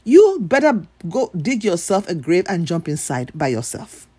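A woman's voice: on the low side, big pitch swings, moderate pace, dark tone, husky, no echo. A woman from Nigeria giving a blunt, emphatic opinion monologue with free swearing.

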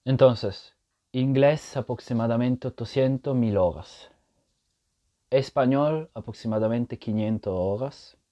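A man hosts a casual solo podcast in Spanish, a language he has learned, explaining his point patiently and often checking in with the listener. His mid-range voice is mellow, with a measured pace.

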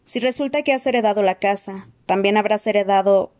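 A woman voicing a calm, courteous old male wizard in an audiobook, measured and gently good-humored. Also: medium pitch, close to an everyday voice. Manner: measured, polite, gently amused. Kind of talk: audiobook character voice.

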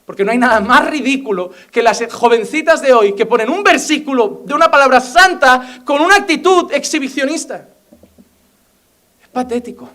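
A man's voice: extremely high pitch, normal speed, pushed and bright. A young man preaching a fervent sermon as a pastor, often mimicking the voices of imagined people. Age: young adult.

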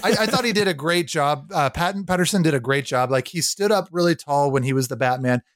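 A man's voice: fairly high pitch, fast, dry recording, clean studio sound. A man co-hosting a casual podcast chat about movies, enthusiastic and acting out quotes from scenes. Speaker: podcast co-host.

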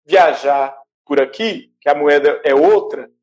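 A Brazilian man casually recounting a stressful arrival on a trip, animated and acting out the people he met, laughing now and then. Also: a little high, measured pace, lo-fi sound. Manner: animated, acts out quoted voices, laughs often. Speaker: traveler recounting his trip. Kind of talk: casual storytelling. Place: a small shared house, indoors.

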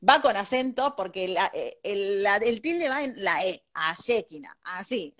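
A woman's voice: medium pitch, expressive, measured pace, a bit bright. A young woman with an Argentine accent, a guest architect chatting casually and rambling, laughing often. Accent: Argentine Spanish. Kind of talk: casual interview chat.

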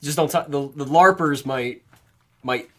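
A man's voice: on the high side, a little slow. A man, co-hosting a casual podcast chat, joking and laughing often. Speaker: podcast co-host.

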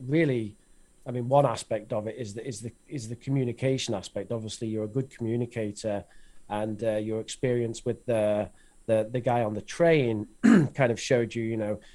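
A man's voice: fairly low pitch, warm tone. A man co-hosting a podcast, asking long, meandering questions with many restarts. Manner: rambling, hesitant, many fillers and restarts. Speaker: podcast co-host. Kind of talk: interview questions, casual chat.

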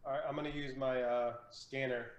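A man's voice: medium pitch, little pitch movement, fairly quick, muffled recording. Guy playing a tabletop rpg, matter-of-fact, echoey room. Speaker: player.

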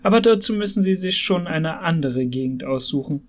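A man's voice: fairly high pitch, expressive, fairly quick, natural voice. A man doing a small, fawning, nervous husband. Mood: confidential. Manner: confidential, ingratiating.

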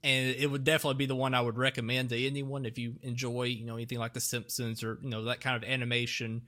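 Bright-voiced laughing podcast host man. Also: mid-range voice, flat delivery, fast talker. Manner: laughs often, rambling with fillers. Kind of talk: casual chat.

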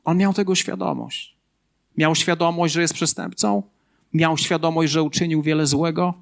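A man's voice: fairly high pitch, moderate pace, vocal fry. A man preaching a sermon as a pastor, driving points home with earnest, emphatic repetition.

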